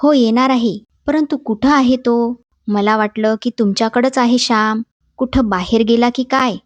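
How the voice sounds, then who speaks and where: A stern village mother scolds her son firmly in a storybook reading, put on by a woman reader. The voice sits a little high. It is recorded dry and sounds dull. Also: moderate pace, no room sound, natural voice. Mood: coaxing. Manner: firm, scolding.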